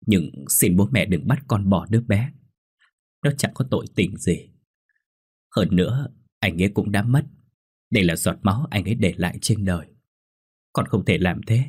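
A man's voice: lowish voice, normal speed, pauses often, a little mellow, breathy edge, no room sound, studio quality. A man voicing a young grieving pregnant village woman, begging through tears. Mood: pleading. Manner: tearful pleading.

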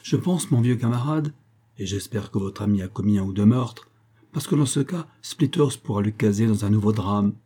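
A man reading an audiobook, voicing a quarrelsome, teasing gentleman at a rowdy club. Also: lowish voice, normal speed, husky. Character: rowdy male club gentleman with billiard cue.

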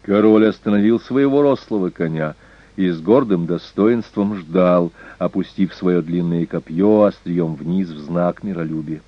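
A man narrating an audiobook in a measured, expressive reading. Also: deep voice, dry recording. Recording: dull lo-fi recording, dry.

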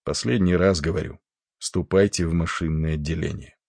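A man voicing a calm, level chief engineer. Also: deep voice, moderate pace, creaky, no room sound, clean studio sound. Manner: even, level, quiet. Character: calm, steady male chief engineer officer.

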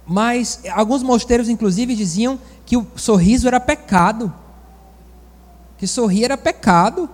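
A man preaching with a high voice that carries into a long, ringing reverb. He tells folksy stories in an animated way and keeps turning to the congregation with asides. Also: a little slow. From Bahia, Brazil. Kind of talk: sermon.

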